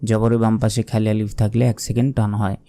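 A man teaching recitation, explaining pronunciation mistakes and then chanting the verses slowly in a raised tone. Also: on the low side, monotone, mellow. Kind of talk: pronunciation lesson with slow drawn-out recitation.

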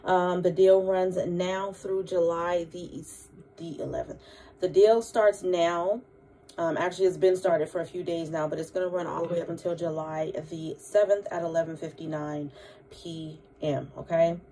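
A woman's voice: fairly low pitch, fairly even intonation, moderate pace, dark tone, slight background noise. Chatty woman reading the news. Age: 30s. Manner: chatty, checks in with listeners by asking "okay?"; reads news articles aloud with her own asides. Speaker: vlogger. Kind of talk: casual news commentary vlog.

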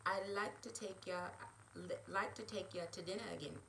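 A woman reading the lines of a smooth, teasing, charming Irish man in a romance story. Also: medium pitch, fairly even intonation, moderate pace, bright, forceful tone, a little hiss or hum, rough recording. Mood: tender.

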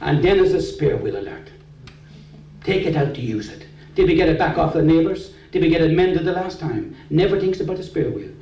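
A man's voice: on the high side, lively intonation, a little fast, dark tone, muffled recording, slight background noise. A middle-aged Irish Traveller man with an Irish Traveller accent, giving a fervent, storytelling gospel testimony at a meeting. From Ireland. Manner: fervent, storytelling, nonstandard grammar. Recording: echoey room, distant mic.

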